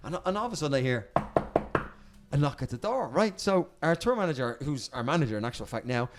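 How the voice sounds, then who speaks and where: A Dublin Irish man, a podcast guest, telling animated stories in casual chat, repeating words and swearing freely. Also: fairly high pitch, quick pace, heavy background noise. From Dublin, Ireland.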